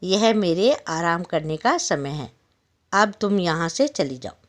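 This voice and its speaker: A woman telling it as a big sleepy lion who is fed up, grumbling and threatening with a fairly low voice. it comes across as a storybook lion read aloud to kids, irritable and bossy. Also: animated, slow. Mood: grumpy. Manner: grumpy, threatening.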